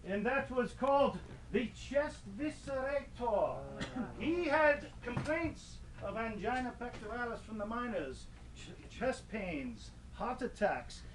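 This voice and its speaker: Man playing a high-pitched theatrical macabre tour guide. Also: animated, takes it slowly, full character voice. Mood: sly, grandiose. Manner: theatrical, mock-grandiose, wordy. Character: theatrical macabre male ghost tour storyteller. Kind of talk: semi-scripted comic horror tour narration. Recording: distant mic, light background noise.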